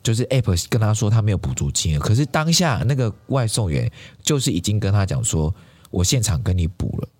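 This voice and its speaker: A man tells a story in a relaxed podcast chat, his low voice rising and falling a lot. He is animated and laughs easily. The sound is dry and close. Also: brisk, no echo. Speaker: podcast co-host.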